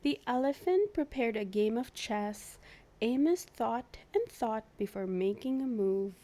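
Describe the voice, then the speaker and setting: A woman's voice: a little high, measured pace. A woman hosting a children's read-aloud, narrating a picture book expressively for young listeners. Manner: clear storytelling with animated asides to young listeners.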